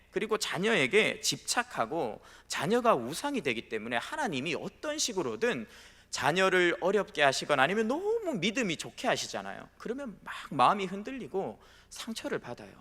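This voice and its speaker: A man's voice: high voice, huge pitch swings, moderate pace, hardly any pauses, fairly bright tone. A male pastor preaching a sermon, telling stories and acting out the voices of the people in them. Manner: storytelling, acting out quoted voices. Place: church sanctuary. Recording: long hall reverb.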